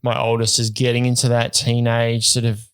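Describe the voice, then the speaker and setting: A man's voice: medium pitch, monotone, moderate pace, clean tone, no echo. A middle-aged Australian man hosting a podcast in a casual, conversational way. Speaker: podcast host.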